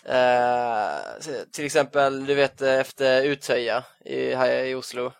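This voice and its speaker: Gravelly guy joking around on a podcast, dry close sound, laughs a lot. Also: medium pitch, no room sound. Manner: laughs easily, mocking and amused. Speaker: podcast co-host. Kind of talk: casual chat.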